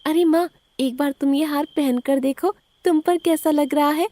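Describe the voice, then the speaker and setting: A woman voicing a cheeky, outspoken young daughter in an animated cartoon, with a lively, teasing manner. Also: sits high, normal speed, close to an everyday voice. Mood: coaxing.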